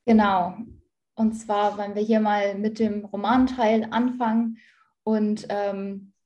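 A woman's voice: medium pitch, flat delivery, takes it slowly, dull audio. A young woman in her twenties, a student, introducing herself briefly and upbeat at an online event. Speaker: panelist, student. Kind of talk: online launch event presentation.

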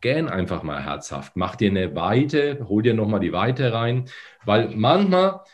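A male voice coach with a fairly low voice that is still a bit phlegmy from the morning. He explains patiently and breaks into hummed syllables and drawn-out sung lines to demonstrate. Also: sing-song. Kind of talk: demonstrating voice exercises in a podcast.

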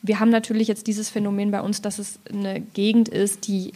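A poet and writer from Thuringia, Germany, reflects tentatively on her work in a literary discussion, searching for her words. Her voice is medium-pitched and warm, her delivery flat and a little fast.

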